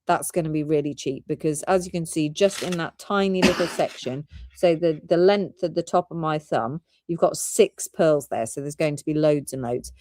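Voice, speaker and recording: British female host for live shopping, rambling and giggly, lowish voice, dry close sound. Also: normal speed, hardly any pauses, dark tone, no echo. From Britain. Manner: chatty, giggly, rambling product talk.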